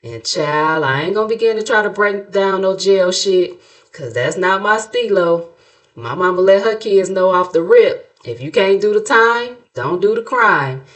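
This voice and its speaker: Speaking a little slowly, this medium-pitched, lively-sounding middle-aged American woman narrates her YouTube commentary channel. Her reactions are sassy and gossipy, with colloquial, playfully mocking, dramatic storytelling.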